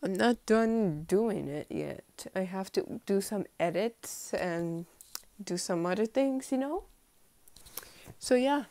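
Hiccupping as she goes, a woman records a rambling, chatty vlog update at home in her bedroom, full of fillers. Her medium-pitched voice is mellow and lively in intonation, and she takes things slowly.

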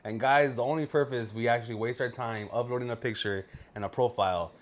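Fast-talking, slangy young man. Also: medium pitch, steady tone. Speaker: podcast co-host. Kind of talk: casual comedic chat.

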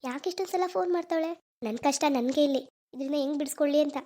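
An actor doing a high-voiced, fast-talking anxious young man. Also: dark tone, lightly acted. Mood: pleading. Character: young man caught engaged, anxious and pleading. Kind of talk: cartoon voice acting.

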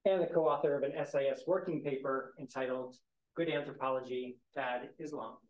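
A man's voice: mid-range voice, fairly even intonation, moderate pace, lo-fi sound. A man moderating a university panel, reading speaker bios with light asides and self-deprecating humor. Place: university lecture hall. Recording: echoey lecture hall.

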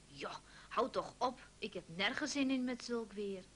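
A woman's voice: fairly high pitch, lively intonation, unhurried, a bit bright, a little hiss or hum, pitched above the performer's own voice. A woman voicing a grumpy housewife who snaps and grumbles, reading a children's story. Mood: grumbling. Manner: snapping and grumbling. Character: grumpy housewife, snappish, sulky.

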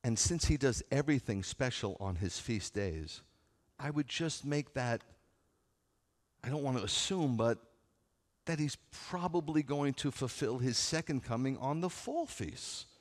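In a reverberant sanctuary, a middle-aged American man preaches from the pulpit to a seated audience as a rabbi. His mid-range voice is animated yet measured in pace, and his wry, chatty sermon makes its points with repeated phrases and rhetorical questions.

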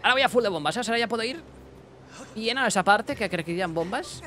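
Excitable young gamer, bright voice. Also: male voice, high-pitched, fast, soft background music. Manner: excitable, talks to himself and chat, bursts of yelps. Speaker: gaming streamer. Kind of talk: casual let's-play commentary.

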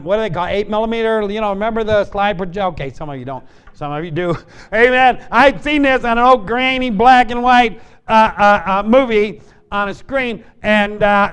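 An older American evangelist preaches a folksy revival sermon from the pulpit of a small church sanctuary, telling stories, shouting at the climaxes and joking with the congregation. His voice is smooth. A fixed camera records from the pews.

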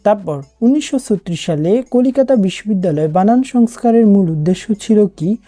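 A woman tutor with a Bangladeshi Bengali accent works through exam prep questions, reading each question and then giving its answer, with a few restarts along the way. Her mid-range voice is brisk and mellow with lively intonation, and soft music plays in the background.

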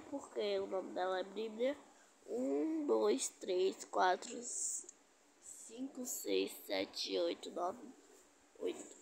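A woman's voice: high-pitched, gravelly, slight background noise. A woman giving chatty gameplay commentary, talking to her viewers and teasing opponents. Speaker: gaming streamer.

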